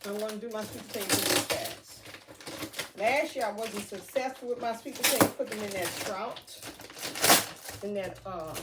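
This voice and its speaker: This vlogger talks through a casual unboxing outdoors near a garden, sounding a bit nasal from a stuffy nose and rambling chattily with plenty of ums. Her mid-range voice comes across distant since she sits back from the microphone. The off-mic recording is noisy, with a noticeable hiss underneath.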